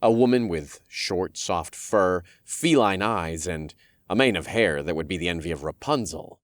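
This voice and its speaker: Deep-voiced male audiobook narrator. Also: lively intonation, normal speed, dry recording, clean studio sound. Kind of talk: first-person audiobook narration.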